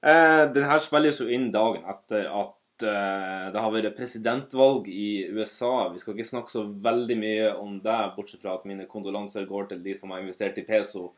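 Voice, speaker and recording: Low-voiced North Norwegian man, joking dryly. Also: few pauses. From Northern Norway. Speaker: podcast co-host. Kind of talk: casual chat.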